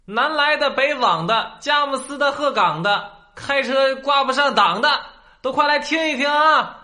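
A loud street barker hollers out sing-song calls, as a man puts him on, his voice pitched far above his normal register. It has a bright, piercing edge. It sounds like a fairground hawker drumming up a crowd. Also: lively intonation, normal speed, heavily acted. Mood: rousing. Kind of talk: hawker-style show opener.

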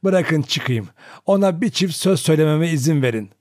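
A man's voice: on the high side, fairly quick, warm tone, dry recording, pitched above the performer's own voice, lightly acted. A man voicing a devout old grandmother who pleads anxiously, in a dry storybook reading. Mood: pleading.

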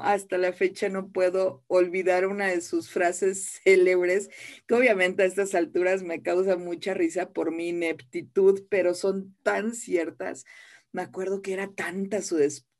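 An older woman with a fairly low-pitched voice. She reminisces in an interview as a dubbing director and voice actress. Her storytelling is lively and self-deprecating. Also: a little slow.

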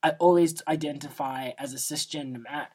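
A young man hosts a solo podcast, speaking at a fairly quick clip in a steady, husky, darkish voice that still sounds feminine rather than like a deep baritone. He talks casually and reflectively in slangy, informal speech, constantly seeking agreement with "like" and "right?".

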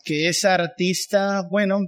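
Slow, emphatic preacher man. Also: sits high, fairly even intonation, fairly bright tone. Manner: emphatic, rhetorical questions, acts out voices of others. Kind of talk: sermon.

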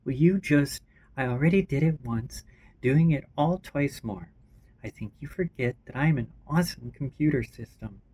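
A man's voice: mid-range voice, lively intonation, moderate pace, warm tone, husky, voice pushed up. A man voicing a female-voiced AI companion in a homemade story reading, dry and sarcastic.

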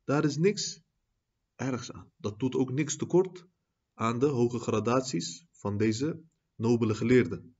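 A man teaching a religious lecture on a classical book, mixing in Arabic phrases and asking "zie je?" often, and rising to loud, high-pitched emphasis when he makes a point. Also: unhurried, breathy edge, dull audio. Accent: Dutch. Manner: peppers speech with Arabic phrases and repeated "zie je?".

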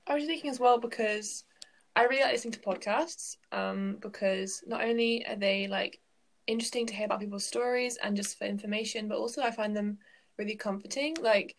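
A woman talks earnestly as a podcast co-host, thoughtful and soft-spoken. She muses with ums and likes, in an even, mid-pitched voice. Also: brisk. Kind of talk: casual chat.

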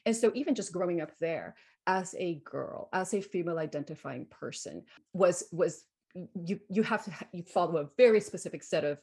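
A husky, darkish voice on the low side, with vocal fry and lively intonation, moving at normal speed. It belongs to a Guatemalan woman in her forties who, as an interview guest, reflects emphatically and repeats phrases to make her points land.

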